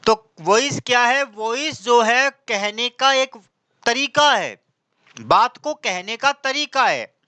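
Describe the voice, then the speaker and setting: Bright-voiced male grammar teacher. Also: very high voice, expressive, slow, smooth, dry recording. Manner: asks questions and answers them himself, with repetition. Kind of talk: exam-prep grammar lesson.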